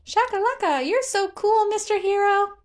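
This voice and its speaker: Reading a fantasy story, a woman voices an excitable, bubbly, childlike tree spirit who exclaims in a delighted sing-song. She pushes her voice up to an extremely high pitch, speaking at normal speed.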